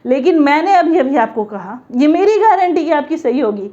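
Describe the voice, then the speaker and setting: A woman teaching an English grammar lesson to learners, explaining step by step and sounding out letters slowly. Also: sits high, very animated, mellow, dull audio.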